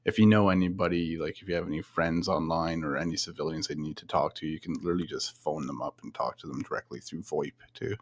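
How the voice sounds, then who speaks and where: A man's voice: a bass voice, fast, hardly any pauses, dry recording, clean studio sound. A man on a livestream answering questions about his game, explaining things in an easygoing way with lots of "you know". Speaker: game developer. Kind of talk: casual livestream Q&A.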